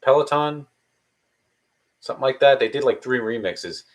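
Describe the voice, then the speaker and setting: With a mid-range voice at a moderate pace, a man in his early thirties holds a casual live stream chat. He answers viewer questions haltingly, drifting off topic and frequently beginning his thoughts anew.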